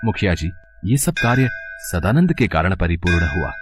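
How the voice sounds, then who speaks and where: A man doing a humble gentle village priest. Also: deep voice, big pitch swings, normal speed, background noise, pitched below the performer's own voice.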